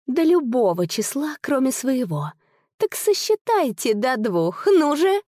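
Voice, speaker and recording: A woman playing a proud young noblewoman who speaks with a ringing, impassioned voice that climbs high when she presses her point. The tone is mellow and dark underneath, recorded dry and close for a storybook reading. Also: sing-song, measured pace, no room sound, full character voice. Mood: triumphant. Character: young noblewoman, fierce and sorrowful.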